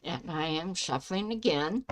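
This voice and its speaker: A woman chatting casually as a live stream host, speaking in a halting way with pauses mid-sentence. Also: fairly low pitch, animated, a little hiss or hum. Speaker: live stream host giving psychic love readings.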